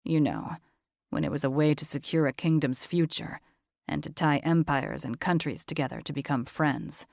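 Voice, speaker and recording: A woman voicing a brooding, cynical, mysterious man in an audiobook, speaking low, blunt and dismissive. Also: steady tone, normal speed, vocal fry, a little mellow, no room sound, studio quality. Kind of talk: audiobook character voice.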